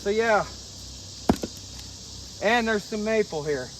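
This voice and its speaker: A man's voice: high voice, slow, noisy background. A man casually talking through a vlog outdoors at a farm, explaining things as he shows them. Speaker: firewood vlogger.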